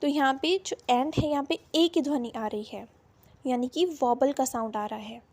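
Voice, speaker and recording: A woman teaching English grammar, slowly repeating each example word. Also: sits high, a little mellow. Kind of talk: explaining a lesson in Hindi.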